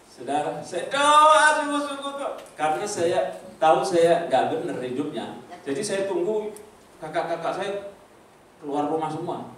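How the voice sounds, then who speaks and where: In a church hall, an older pastor shares his own testimony from the pulpit, mimicking others' voices and turning to the congregation with animated remarks. He speaks on the higher side at a moderate pace, captured from far off in an echoing hall.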